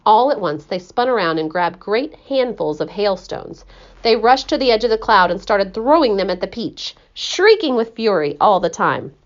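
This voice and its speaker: A woman narrating a children's story aloud in an expressive, animated way. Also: medium pitch, lo-fi sound.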